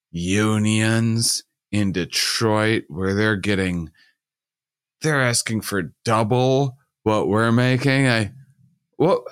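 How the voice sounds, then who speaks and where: A man hosting a casual conversation, talking haltingly with many repeated words and fillers. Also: extremely low pitch, fairly bright tone, no room sound, studio quality.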